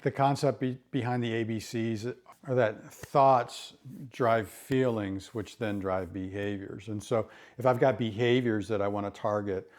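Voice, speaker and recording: A man's voice: lowish voice, steady tone, measured pace, darkish tone. A middle-aged man, a therapist, explaining recovery ideas in an earnest way and often repeating words as he starts a thought. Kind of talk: educational talk to camera.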